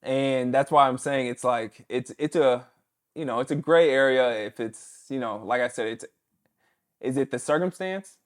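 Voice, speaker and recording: A man in his thirties, a former pro football player, telling stories in a casual interview and sometimes mimicking his coach's shouts. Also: mid-range voice, normal speed.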